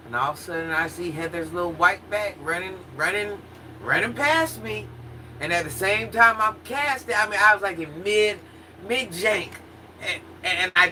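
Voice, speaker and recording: An American woman with a naturally husky voice tells personal stories casually to a live chat in an animated, dramatic way. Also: fairly low pitch. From rural United States, country upbringing. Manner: animated, dramatic retelling with acted-out quotes. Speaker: livestreamer chatting with viewers. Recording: distant mic with faint background noise.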